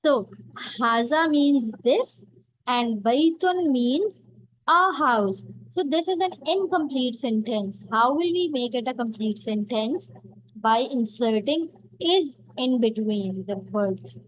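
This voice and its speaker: Slow, patient woman teaching beginners. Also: a little high, expressive, low-quality recording. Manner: slow, patient explaining, repeating words for learners. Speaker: Arabic teacher. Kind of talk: beginner language lesson.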